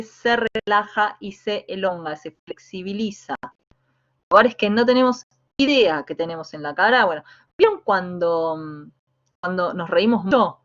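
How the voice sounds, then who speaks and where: A woman with a Rioplatense Spanish accent, teaching a voice workshop as a coach, talking in a lively, demonstrative way with many fillers and restarts. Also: medium pitch, highs cut off. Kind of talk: online workshop lesson. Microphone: video call.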